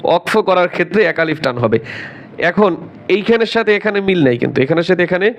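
A man teaching Quran recitation, spelling words out letter by letter, quizzing learners, and chanting verses slowly and drawn out. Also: high voice, lively intonation. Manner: drills letter by letter, asks learners questions, slow drawn-out chanting.

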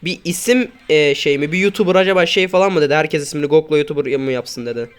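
A man doing casual gameplay commentary, grumbling and swearing at his teammates, then breaking into sudden loud outbursts. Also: a little high, fast, clear, resonant tone. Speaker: gaming YouTuber.

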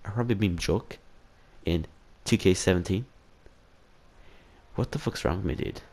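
A low-voiced man rambles through a casual year-in-review vlog as its host. He swears freely, keeps mocking himself, and tacks "dude" onto almost every line. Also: unhurried, a little mellow. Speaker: channel host.

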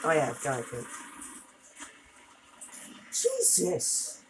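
A woman's voice: sits low, wildly swooping pitch, very slow, background noise. A woman commenting on her gameplay as she plays, frustrated, exclaiming and cursing at the game. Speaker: gamer.

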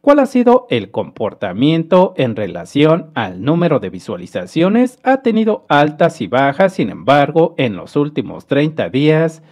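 A man's voice: fairly high pitch, huge pitch swings, a little slow, few pauses, darkish tone. A man from Mexico with a Mexican Spanish accent, hosting a screen-recorded commentary and explaining figures to viewers in a friendly way. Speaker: host.

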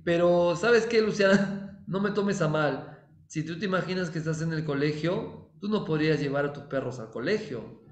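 A man's voice: a little high, moderate pace, reverberant. A man teaching an online English class in Spanish, patient, repeating each point and checking that students understand. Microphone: computer mic on a video call.

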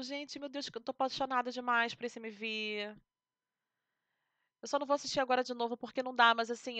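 Bright-voiced woman reacting tearfully. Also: medium pitch, no room sound. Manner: emotional, gushing, addresses viewers directly. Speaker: kpop reaction vlogger. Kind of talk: casual reaction commentary.

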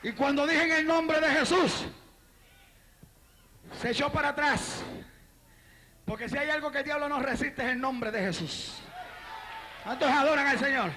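A male evangelist preaching a dramatic sermon testimony to a congregation, rising into shouts. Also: very high voice, normal speed, long pauses, a little hiss or hum. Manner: dramatic storytelling, shouting in fervor. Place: church before a congregation.

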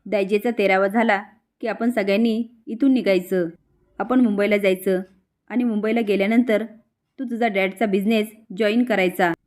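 A woman's voice: medium pitch, steady tone, normal speed, darkish tone, natural voice. A woman voicing a domineering mother who scolds her son insistently, in a spoken soap-story retelling. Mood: scolding.

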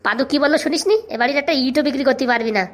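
A woman voicing a stingy, gruff bald husband in a cartoon, giving blunt dismissive orders. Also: high voice, racing, faint music behind, pitched below the performer's own voice, close to an everyday voice.

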